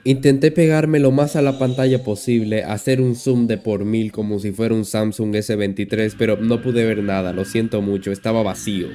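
A man narrating and commenting on creepy game videos in a joking, excitable way. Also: mid-range voice, slight background noise. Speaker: YouTuber narrator.

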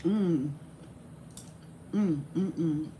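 A woman talks while chewing, her mouth full as she murmurs her approval. Her pace is unhurried and her voice sits a little low. The recording carries a clear hiss of noise. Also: warm tone. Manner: slow, savoring, addresses viewers as y'all. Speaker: mukbang host. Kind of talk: casual eating-show chat.

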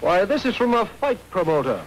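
A man's voice: high voice, very animated, brisk, poor audio. A man playing a tough police detective who gives brusque commands, in 1930s film acting. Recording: old film soundtrack with faint hiss.

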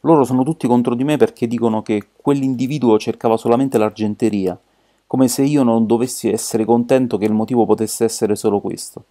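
Brief: defensive, excitable colonel voiced by a male reader, dark tone, storybook reading. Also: medium pitch, brisk, close to an everyday voice. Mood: agitated. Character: agitated middle-aged male ex-army colonel.

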